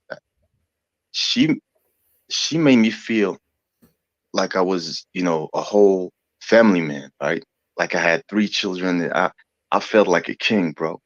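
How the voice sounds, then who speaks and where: A man's voice: low-pitched, dry recording, muffled recording. A man in his thirties from France, speaking English as a second language, a little sick and searching for words with many fillers. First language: not English. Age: 30s. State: sick, coughing. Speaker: podcast guest. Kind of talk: casual chat.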